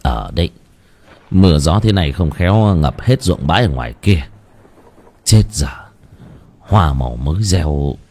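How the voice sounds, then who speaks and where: A man voicing a tired, resigned old village husband who grumbles in a low voice. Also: animated, measured pace, pauses often, darkish tone, exaggerated voice.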